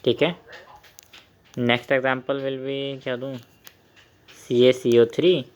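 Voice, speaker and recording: A man's voice: mid-range voice, little pitch movement, slow, clean tone. A young man teaching a chemistry lesson while he writes, asking the class questions and repeating key terms.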